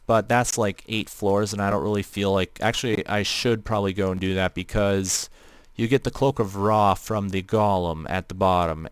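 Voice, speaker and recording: A young Midwestern American man streams a game and chats with his viewers, rambling in casual, chatty commentary. His voice is on the low side, clear and resonant, with no room sound.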